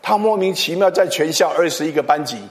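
A middle-aged man, preaching a chatty, animated storytelling sermon. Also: a little high, a little fast. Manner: animated, chatty, with tag particles and restarts. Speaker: pastor. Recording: long hall reverb.

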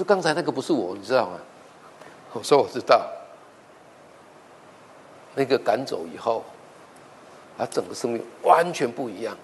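A man, preaching as a pastor and telling a story, acting out the dialogue with lively swings in his voice. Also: mid-range voice, long reverb tail, slight background noise. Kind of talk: sermon storytelling.

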